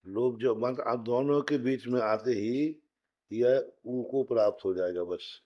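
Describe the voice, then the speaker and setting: A man teaching a Sanskrit grammar class, explaining step by step, slowly chanting rules and putting questions to his students. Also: mid-range voice, dull audio.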